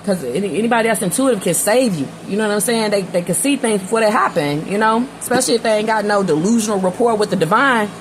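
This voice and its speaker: A woman giving a relaxed tarot reading, talking straight to the listener. Her voice sits at an ordinary middle pitch, and her delivery is loose, slangy and conversational, as if she were chatting with a friend. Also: fast, hardly any pauses, background noise. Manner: casual, slangy, talks straight to the viewer. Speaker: tarot reader. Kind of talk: casual tarot reading and storytelling.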